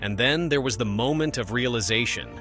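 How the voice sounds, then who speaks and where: A male narrator delivers a scripted, dramatic voice-over for a court show. His pitch sits in the middle range, with music softly behind the voice. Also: a little fast.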